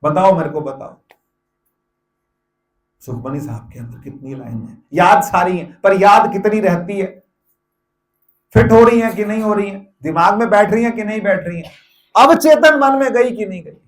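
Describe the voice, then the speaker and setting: A man's voice: high voice, moderate pace, pauses often. A middle-aged man giving a devotional discourse to a gathering, asking rhetorical questions and answering them himself, often repeating phrases for emphasis. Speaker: spiritual teacher. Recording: echoey room.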